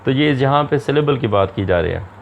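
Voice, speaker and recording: A man giving a recorded lecture, reading out English lines slowly, then explaining them quickly in his own words. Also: mid-range voice, expressive, creaky, muffled recording, slight background noise.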